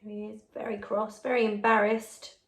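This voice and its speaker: At normal speed and in a mid-range voice, a teacher reads a story aloud to her primary pupils. She brings expression and encouragement to it, pausing for chatty comments and questions to the children.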